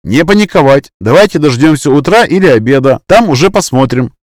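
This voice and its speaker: A man's voice: on the high side, animated, a little fast, no room sound, clean studio sound, pitched above the performer's own voice, lightly acted. Man doing a stern woman teacher. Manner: stern, composed, matter-of-fact. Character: strict calm woman teacher.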